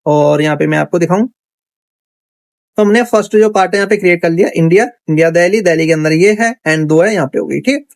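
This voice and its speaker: Fast and gravelly, this high-voiced coding instructor chats through a casual screen-recorded tutorial with no echo. He thinks aloud and keeps checking in with viewers via "theek hai."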